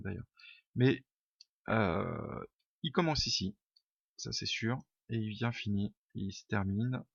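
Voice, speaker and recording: A man's voice: medium pitch, creaky, fairly bright tone, breathy edge, dry recording. Hesitant man thinking aloud. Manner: hesitant, many "euh" fillers, thinks aloud; informal, self-deprecating. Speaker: programming tutor. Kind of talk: unscripted screen-recorded coding tutorial. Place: home room. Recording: dull lo-fi home mic, dry.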